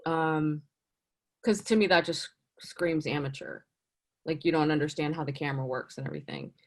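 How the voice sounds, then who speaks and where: A woman talking as a casting director in a casual interview, chatty and animated, full of "you know" and "like". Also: moderate pace. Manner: lively, swings up in pitch for emphasis.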